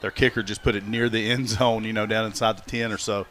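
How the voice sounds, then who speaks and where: A man with an American accent giving color commentary on a high school football game for local radio, chatty and analytical. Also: little pitch movement, fast, fairly bright tone, slight background noise. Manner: chatty, analytical, drops to asides. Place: high school football stadium broadcast booth.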